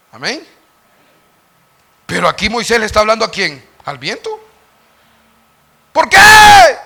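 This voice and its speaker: A man preaching a sermon as pastor, asking the congregation questions and acting out Bible figures with sudden shouts. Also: sits high. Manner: dramatic, acts out Bible characters with sudden shouts; questions the congregation and answers himself. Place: church sanctuary.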